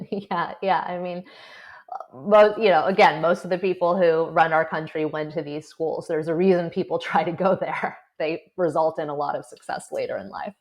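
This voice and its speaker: A woman, a political correspondent, chatting as an interview guest, laughing often and filling pauses with "um" and "you know". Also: deep voice, fairly even intonation. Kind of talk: conversational interview. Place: South Florida.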